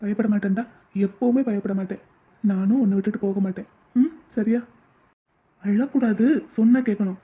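A woman voicing a gentle, devoted young man who coaxes and comforts his wife in an amateur audio drama. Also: medium pitch, fairly even intonation, moderate pace, long pauses, breathy edge, narrow, tinny audio, natural voice. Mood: soothing. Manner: soothing, coaxing.

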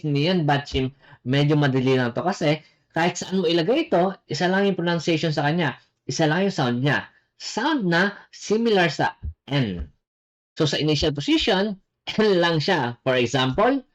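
A Korean language teacher giving a casual online lesson, lively and laughing lightly, repeating example words slowly. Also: medium pitch.

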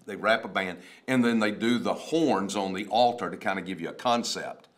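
A man's voice: on the low side, normal speed. A man in his sixties, a pastor, chatting about a sermon in a rambling storytelling way, often restarting. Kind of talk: casual chat about a sermon. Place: wood-paneled studio, seated at a table.

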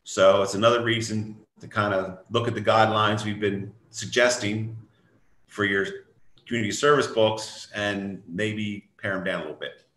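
This older man speaks in a low voice, plain and reassuring, as he gives an update on a video call. His voice carries a good deal of echo from the room he sits in at home. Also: fairly even intonation, normal speed, fairly bright tone. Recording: echoey room.

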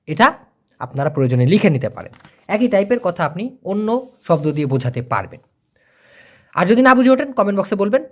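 Patient teacher drilling phrases slowly. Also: medium pitch, sing-song. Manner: says foreign phrases very slowly and repeats them; coaxing, keeps saying please and brother to viewers. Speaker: Malay language teacher. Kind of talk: video language lesson.

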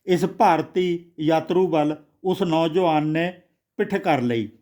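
A man narrating a devotional audiobook story in a measured way, reciting scripture verses slowly. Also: fairly high pitch, warm tone.

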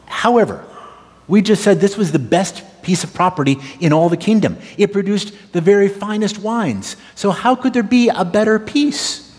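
A man's voice: sits high, moderate pace, a little mellow. A male pastor preaching a storytelling sermon, emphatic and speaking directly to members of the congregation. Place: church sanctuary. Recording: reverberant church sanctuary.

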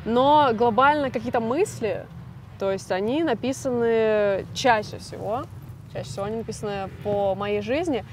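A young woman, a singer, talking candidly and casually in an interview, chatty and quick to laugh. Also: a little high, a little hiss or hum.

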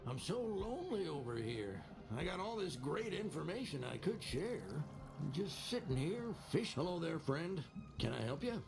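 A man playing a despairing, sardonic alien fisherman in a video game, morose and deadpan. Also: a little high, moderate pace, vocal fry, over music. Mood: lonely. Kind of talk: video game character dialogue.

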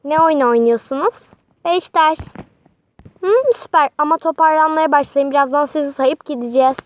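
A woman's voice: high voice, moderate pace, lightly acted. A woman voicing a kind, patient schoolteacher in a toy doll play, speaking in a soothing, motherly way. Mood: calm. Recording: dull lo-fi home recording.

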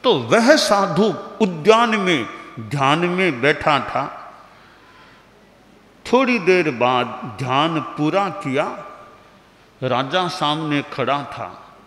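Slow, expressive male preacher in a hall. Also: a little high. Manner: expressive, unhurried storytelling. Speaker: monk preacher. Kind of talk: sermon storytelling. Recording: reverberant hall.

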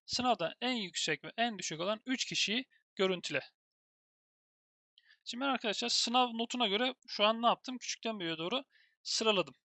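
A man with a fairly high, bright voice and a gravelly edge, talking through a terminal tutorial step by step. He thinks aloud as he types and keeps turning to the viewers. The sound is dry and close, with no room around it. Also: a little fast, no room sound. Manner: thinks aloud while typing, keeps addressing viewers as "friends". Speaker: programming instructor. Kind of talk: screen-recorded terminal tutorial.

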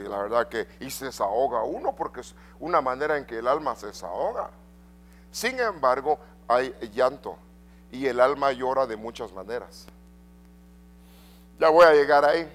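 A middle-aged man preaching a sermon in a church, swinging between loud and soft and asking the congregation questions. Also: mid-range voice. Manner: addresses congregation with rhetorical questions. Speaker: pastor.

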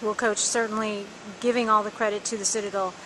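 A woman working as the team's media interviewer, putting prepared post-game questions with statistics in an even delivery. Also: medium pitch, quick pace, noisy background. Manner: scripted, stat-citing, even delivery.

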